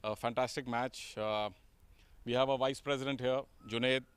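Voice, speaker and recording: A man's voice: medium pitch, fairly even intonation, normal speed, a bit bright, clean tone. A man with an Indian accent speaking as an alumni society president, giving an informal speech of thanks. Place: outdoor school playing field.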